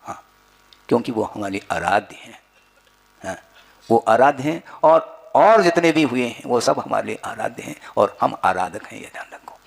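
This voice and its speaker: A man's voice: medium pitch, expressive, normal speed, gravelly. A man giving a spiritual discourse as a wise religious teacher, instructing his listeners with rhetorical questions and repeated phrases.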